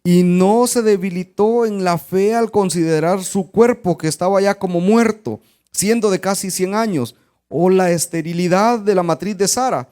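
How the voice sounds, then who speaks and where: A man's voice: high voice, normal speed, warm tone, smooth. A male pastor preaching a sermon with earnest storytelling.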